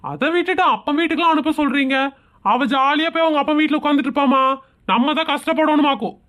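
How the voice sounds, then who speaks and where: A woman's voice: sits high, quick pace, fairly bright tone. A woman voicing a harried middle-aged husband and son in a cartoon skit, pleading and soothing.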